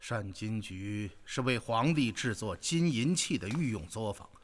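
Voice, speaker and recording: An actor playing a learned male magistrate who explains things slowly and deliberately. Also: fairly low pitch, expressive. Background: music score.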